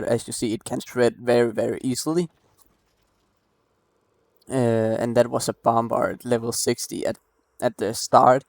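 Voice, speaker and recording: A gameplay guide creator talks casually through a game build late at night, rambling, apologizing, restarting often, and coughing once. His mid-range voice has a darkish tone, recorded close on a desk mic with no echo.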